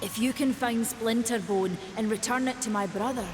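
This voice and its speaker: An actress playing a brisk, solemn female smith in a fantasy game, with a Scottish accent and a plain-spoken manner. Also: a little high, background noise, lightly acted. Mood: solemn, concerned. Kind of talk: dramatic fantasy game dialogue. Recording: very loud music behind.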